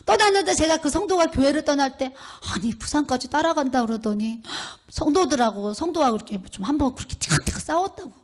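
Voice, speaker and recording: A woman's voice: sits high, lively intonation, quick pace, hardly any pauses. A middle-aged woman, a pastor's wife, preaching a sermon as a storyteller who acts out the people she quotes. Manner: storytelling, acts out quoted speech with rising emphasis.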